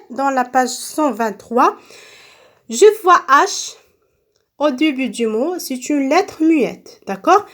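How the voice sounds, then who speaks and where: A woman teaching a recorded grammar lesson, repeating each word slowly and often checking with her listeners. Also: high-pitched. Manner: slow, repeats words and checks with "d'accord?". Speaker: French teacher. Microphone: phone.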